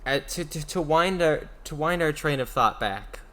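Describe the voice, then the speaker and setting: Lively-pitched man, playful podcast co-host. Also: moderate pace. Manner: playful, jokey interjections. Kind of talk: casual chat.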